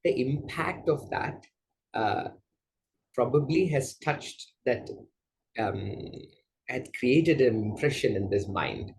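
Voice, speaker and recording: A man from Malaysia, a yoga teacher, answering interview questions in a gentle, unhurried way with soft fillers. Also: medium pitch, very animated, gravelly, slight background noise, low-quality recording. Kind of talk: casual interview conversation.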